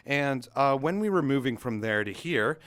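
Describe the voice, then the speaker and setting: A man's voice: medium pitch, animated, normal speed, a bit bright, no echo. A young adult man hosting a comedic rant vlog, telling a mock-dramatic story with sarcasm in a recording studio. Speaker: vlog host.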